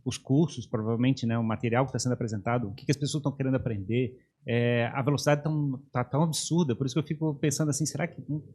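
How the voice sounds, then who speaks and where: A podcast co-host in a casual interview, talking in a rushed way while searching for words. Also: mid-range voice, dark tone, slightly rough.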